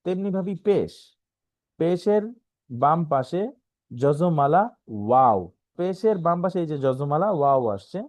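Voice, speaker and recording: Bangladeshi guy teaching quran reading online, kinda high voice, dry close sound, keeps asking "right?". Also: animated, dry recording, lo-fi sound. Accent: Bangladeshi Bengali. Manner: explains slowly, often asks "right?", spells letters out. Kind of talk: online lesson.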